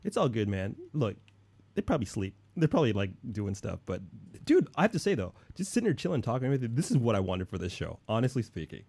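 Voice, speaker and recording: A man hosting a casual livestream chat, excitable and loose, calling his guest dude and swearing freely. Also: medium pitch, fast, vocal fry, breathy edge. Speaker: show host.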